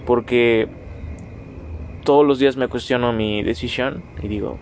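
A nineteen-year-old man with a Mexican Spanish accent rambles through a casual solo podcast, joking at his own expense and cursing freely. His voice sits at an ordinary middle pitch for a man, and a faint hiss of noise hangs behind him. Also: fairly even intonation, a little slow, a little mellow. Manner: rambling, self-mocking, swears freely, talks to listeners directly. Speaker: podcast host.

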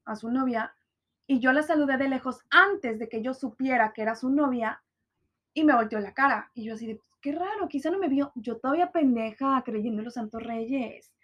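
A young woman with a Mexican accent, telling a story to her viewers in a casual, slangy and animated way and acting out the lines of the people in it. She sounds stressed and anxious. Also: on the high side, normal speed. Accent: Mexican Spanish. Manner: animated, slangy, acts out quoted dialogue.

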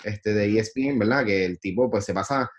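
A man with a Puerto Rican Spanish accent, a podcast guest who once worked in sports television, talking things through slowly with many fillers. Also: on the low side. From Puerto Rico. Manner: thoughtful, many fillers like "este". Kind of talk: casual podcast chat.

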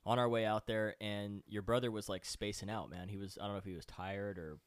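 A man co-hosting a podcast who tells stories animatedly and swears often, acting out the other characters' lines loudly. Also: fairly low pitch, fairly quick, clean tone, no echo. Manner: animated, profane storyteller who acts out other people's lines with loud outbursts. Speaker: podcast co-host. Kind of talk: casual chat, swapping road-trip stories.

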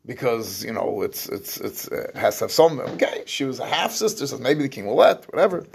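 A man's voice: mid-range voice, big pitch swings, brisk, vocal fry, a little hiss or hum. A man teaching a scripture class, explaining verses at length and often restarting his phrases. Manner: explains in English with Hebrew terms, restarts often. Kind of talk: lecturing on scripture.

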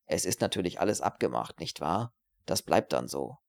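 A man's voice: low-pitched, very animated, normal speed, creaky, pitched below the performer's own voice, heavily acted. A man voicing a selfish, cowardly young male student in an audiobook, pleading nervously and turning spiteful. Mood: wheedling. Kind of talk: audiobook character reading.

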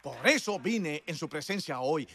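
A man's voice: fairly high pitch, lively intonation, measured pace, sharp tone, slight background noise. A man preaching a sermon in a conversational storytelling way, emphatic and laughing often.

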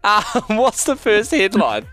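A man's voice: high voice, huge pitch swings, takes it slowly, bright, forceful tone. A man hosting a light news chat in a playful, bantering way. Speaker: radio host. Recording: music playing behind. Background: music.

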